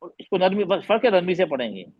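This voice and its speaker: A man's voice: high voice, big pitch swings, quick pace, dull audio. A man teaching Quran recitation in an online class, patiently repeating letter sounds for students to echo.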